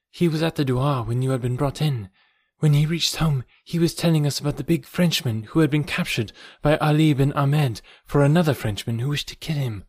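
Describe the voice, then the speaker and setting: A man voicing a proud, hushed desert chieftain's daughter. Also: on the high side, breathy edge, no echo, studio quality, pitched above the performer's own voice. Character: daring young female desert chieftain's daughter.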